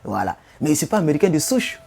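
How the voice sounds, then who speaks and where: A man's voice: on the high side, very animated, very fast, gravelly, darkish tone. Ivorian man talking in a live stream. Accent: Ivorian French. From Côte d'Ivoire. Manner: repetitive, addresses viewers with rhetorical questions. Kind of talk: casual live-stream monologue.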